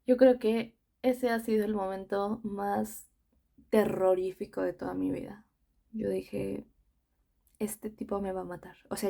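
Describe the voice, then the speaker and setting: A young woman with a Mexican Spanish accent recounts a personal testimony in an earnest, conversational way. Her voice is warm and mellow, with a gravelly fry running through it. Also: medium pitch. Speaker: author telling her own story.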